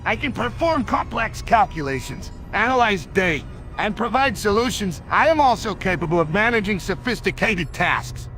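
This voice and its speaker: Metallic robotic male robot, as a man plays it, obedient, formal, high voice, bright tone. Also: animated, normal speed, faint music behind. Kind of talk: AI-generated cartoon dialogue.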